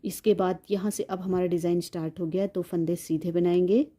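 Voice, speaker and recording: A woman's voice: on the low side, steady tone, brisk, mellow. A woman giving a step-by-step knitting tutorial, patiently counting stitches aloud and repeating each instruction.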